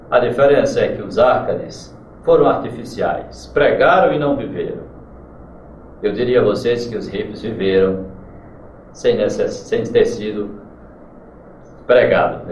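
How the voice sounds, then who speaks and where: A man's voice: fairly low pitch, darkish tone. A man with a Brazilian Portuguese accent teaching a literature lesson, explaining and chanting verse rhythms aloud. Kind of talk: classroom lecture. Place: classroom. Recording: roomy, distant, dull mic with faint noise.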